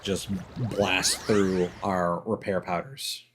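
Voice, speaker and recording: With a low, steady voice, he takes things slowly, talking through his gameplay analytically in a relaxed stream. Video game music and some background noise fill the recording.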